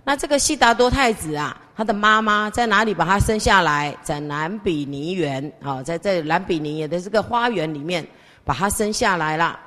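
A woman's voice: lowish voice, lively intonation, normal speed, fairly bright tone. Woman telling a story in an echoing hall. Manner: asks the class questions, draws out words with particles. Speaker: Buddhist teacher. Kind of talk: storytelling lesson to a class.

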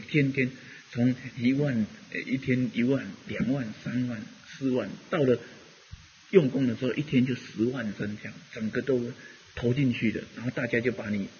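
A man's voice: mid-range voice, darkish tone, dull audio, slight background noise. Rambling man giving a dharma talk. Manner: rambling, conversational teaching with many fillers. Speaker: Buddhist teacher.

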